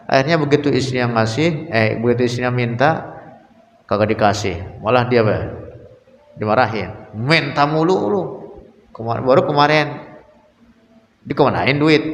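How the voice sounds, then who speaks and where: A man teaches a religious study class, moving between careful Arabic reading and loose, joking street-style asides. His voice sits at an ordinary middle pitch. The room rings out with a long, echoing hall reverb. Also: lo-fi sound. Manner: reads Arabic text and translates it phrase by phrase; joking, colloquial asides to students.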